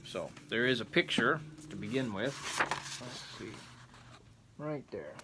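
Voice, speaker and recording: A man's voice: mid-range voice, very animated, takes it slowly, heavy background noise. An older man reading a folk tale aloud like a rambling grandpa, adding folksy asides and plain explanations. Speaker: storyteller.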